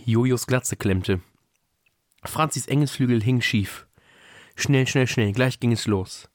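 A man co-hosting a podcast who reads a Christmas story aloud in a calm storybook manner. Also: on the low side, no room sound, studio quality. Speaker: podcast co-host reading a story.

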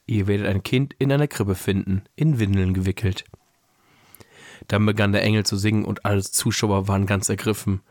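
A young man with a low voice, joking dryly and laughing often as a podcast co-host before settling into reading a story aloud. He sits close to the mic in a dry, dead space. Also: darkish tone, dry recording. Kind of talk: casual chat, then reading a story aloud.

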